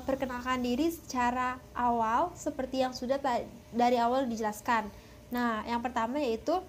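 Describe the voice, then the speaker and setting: A young woman from West Java teaches a lesson in a fairly high voice. She explains step by step, often pausing with hesitant filler sounds. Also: slight background noise. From West Java, Indonesia. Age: young adult. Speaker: language teacher.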